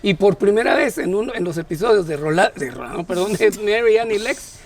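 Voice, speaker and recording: A man's voice: sits high, expressive, brisk. A man from Guatemala co-hosting a casual talk show, playful and joking, rambling with many restarts. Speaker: co-host.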